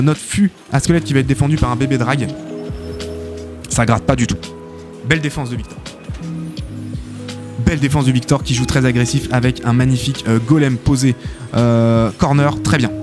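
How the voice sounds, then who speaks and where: A man casting a live esports tournament as host, excitable and chatty, full of filler interjections. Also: mid-range voice. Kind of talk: live game commentary. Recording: game music behind the voice. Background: game music.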